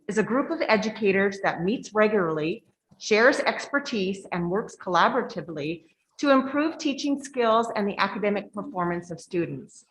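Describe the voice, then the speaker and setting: Presenting to a board meeting, a school district director reads her slides aloud with frequent fillers, remarking that she has a big voice. Her mid-range voice has a fairly bright tone. The echoey meeting room recording carries a little hiss or hum.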